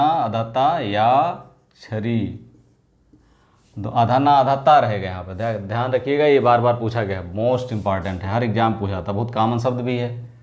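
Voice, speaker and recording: Male tutor at a mid pitch, drilling words over and over with quick questions to the class. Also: muffled recording. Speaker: teacher. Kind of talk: exam-prep lesson.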